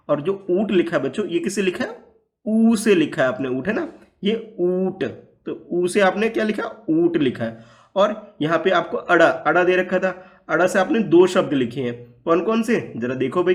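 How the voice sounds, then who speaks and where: A man teaching a class of small children, his voice sitting a little high for a man. He talks patiently and slowly, repeating each word and asking questions back. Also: lively intonation. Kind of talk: classroom lesson for young children.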